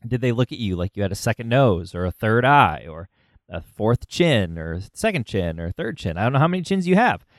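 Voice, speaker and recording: A man hosting a podcast, talking conversationally with halting phrasing and repeated words. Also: on the low side, big pitch swings, no room sound, clean studio sound. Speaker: podcast host. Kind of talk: conversational podcast intro and interviewing.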